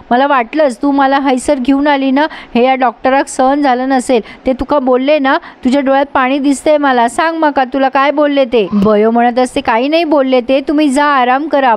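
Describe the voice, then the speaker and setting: A woman's voice: sits high, darkish tone, no echo. A young woman telling the story of a TV serial episode in a chatty way, acting out the dialogue and commenting to her viewers. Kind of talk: casual storytelling recap.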